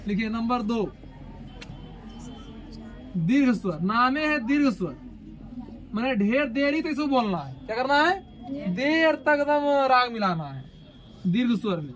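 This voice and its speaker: A woman teaching a grammar lesson, dictating slowly and repeating each phrase, often asking the class to say key terms back to her. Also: fairly high pitch, big pitch swings, slight background noise. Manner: slow, repetitive, asks the class to echo key words back.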